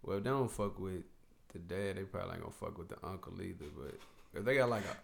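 A man's voice: low voice, fast, creaky. A young man co-hosting a casual podcast, rambling and hesitant, swearing freely. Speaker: podcast co-host.

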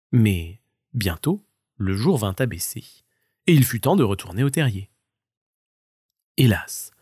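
A man narrating a children's bedtime story in a gentle, expressive and measured way. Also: medium pitch, no room sound, studio quality.

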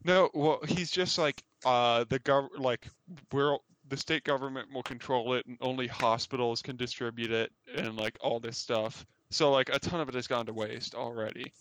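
A man's voice: mid-range voice, fairly even intonation, moderate pace, few pauses, fairly bright tone, no echo, low-quality recording. A young man in casual chat with friends, teasing the others and then explaining a gripe at length.

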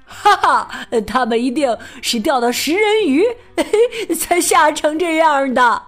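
A woman's voice: mid-range voice, very animated, unhurried, slightly rough, soft background music. A woman voicing a brave, boastful chick in a storybook who scoffs confidently. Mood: mocking. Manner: confident, dismissive.

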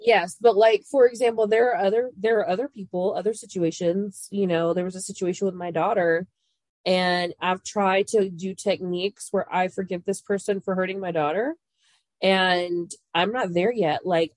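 A woman's voice: lowish voice, fairly even intonation, moderate pace, a little mellow, no room sound. A woman co-hosting a podcast, a mother giving earnest, blunt advice in casual chat. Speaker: podcast co-host.

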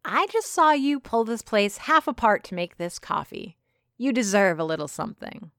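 A woman's voice: mid-range voice, animated, normal speed, clean tone, dry recording, clean studio sound, lightly acted. A woman voicing a knowing, folksy small-town woman who talks in homespun phrases and knowing murmurs, in a storybook reading. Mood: insistent.

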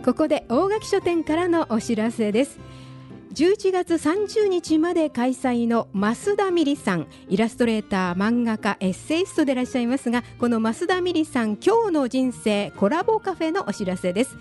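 A woman's voice: sits high, big pitch swings, moderate pace, a little mellow, faint music behind. A woman hosting a radio talk show, chatting politely and attentively and laughing easily. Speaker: radio host.

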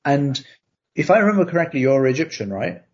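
A man's voice: fairly high pitch, very animated, a little fast, husky. A man interviewing a guest, asking casual, thoughtful questions. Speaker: interviewer, podcast host. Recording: dull lo-fi audio.

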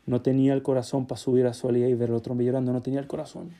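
A man telling a religious story as a sermon, acting out the characters' dialogue in an animated way. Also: medium pitch, rapid-fire, vocal fry.

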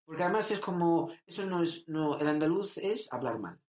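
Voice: mid-range voice, animated, moderate pace, darkish tone. Co-presentador expresivo con eco. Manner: playful, opinionated, laughs often. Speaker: podcast co-host. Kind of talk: casual chat. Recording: roomy echo.

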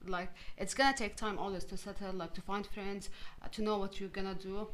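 Woman host, mid-range voice, halting questions with lots of "like". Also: mid-range voice, little pitch movement. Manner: halting, many "like" and restarts. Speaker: radio host. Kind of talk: hosting a community radio interview.

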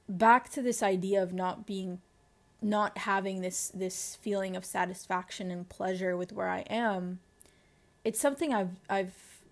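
Candid and introspective, this Lebanese-accented podcast host in her twenties shares personal, diary-like reflections and frequently stops to find the right words. Her medium-pitched voice has a creaky quality.

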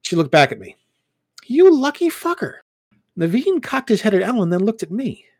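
A man narrating a first-person story as an audiobook reader, telling it expressively. His voice sits a little high and moves lively. The close studio mic gives a dry, near sound. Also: quick pace, husky, dry recording.

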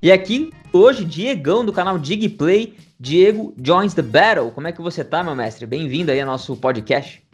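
A man's voice: fairly high pitch, expressive, normal speed, few pauses, a little mellow, slightly rough, faint music behind. A man with a Brazilian Portuguese accent presenting a podcast casually as its host.

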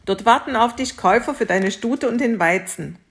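A woman voicing a calm, generous young man who speaks in an unhurried, reassuring way. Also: on the high side.

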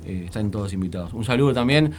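A man with a Uruguayan accent hosting a casual radio show, rambling through jokey shout-outs to friends and sponsors in a studio. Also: lowish voice, expressive, fast talker. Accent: Uruguayan Spanish.

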